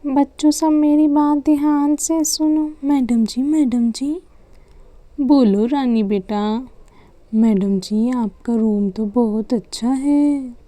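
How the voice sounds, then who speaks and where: A woman's voice: high-pitched, fairly even intonation, slow pace, warm tone, no room sound, voice pushed up. A woman voicing a schoolteacher who frets about a naughty new pupil and addresses her class. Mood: teacherly. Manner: teacherly, complaining. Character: strict schoolteacher madam, worried.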